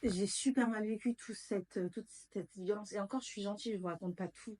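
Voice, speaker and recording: A woman's voice: medium pitch, fairly quick, a little mellow. Blunt, emotional woman vlogger. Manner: blunt and emotional, with slang and swearing. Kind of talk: candid casual storytelling.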